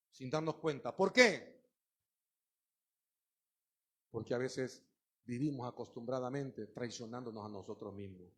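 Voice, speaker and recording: A middle-aged man preaching a sermon, emphatic and swinging between loud outbursts and hushed asides. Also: medium pitch, husky.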